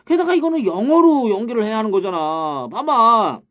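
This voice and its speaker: A man's voice: high-pitched, animated, normal speed, fairly bright tone. A man voicing a nervous young male cartoon student who frets about acting in a play. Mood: worried. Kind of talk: educational cartoon dialogue.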